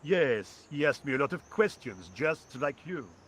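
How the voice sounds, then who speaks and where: A lazy, sarcastic painter with a French accent in a video game. The voice is bright and forceful, drawling every line with dry indifference. Faint crickets chirp in the background. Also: male voice, on the high side, sing-song, measured pace, a little hiss or hum. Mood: indifferent.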